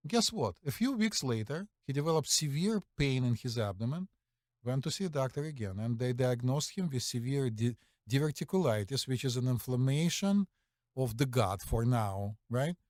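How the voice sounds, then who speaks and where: A man's voice: mid-range voice, moderate pace, dry recording, clean studio sound. Confident Russian-accented man telling stories. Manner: confident, animated, many fillers and rhetorical "right?". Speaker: podcast co-host, physician. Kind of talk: casual storytelling chat.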